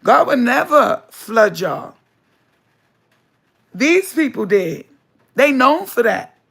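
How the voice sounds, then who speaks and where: A woman holds forth on a spiritual livestream. Her voice is gravelly and her delivery slow and deliberate. She is emphatic and preachy and hammers points home by repeating them. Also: a little high, very animated, a bit bright. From United States. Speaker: livestream host.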